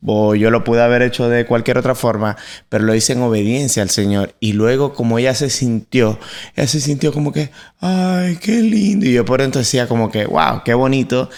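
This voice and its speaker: Man with a smooth, resonant voice. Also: medium pitch, brisk. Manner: storytelling, animated when quoting others. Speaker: podcast co-host. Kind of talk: casual faith testimony.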